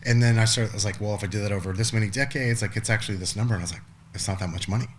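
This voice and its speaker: Give me a man in his forties with a lowish voice, chatting loosely as a podcast guest and swearing now and then. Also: rapid-fire, slight background noise. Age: 40s. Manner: rambling, lots of "like" and restarts, blunt swearing. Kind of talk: casual conversation.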